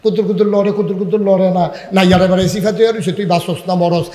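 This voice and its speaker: Male preacher, high voice, loud and emphatic with call-and-response to the audience; echoey room with long reverb. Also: steady tone, fast talker. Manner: calls and answers with the audience. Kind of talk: sermon.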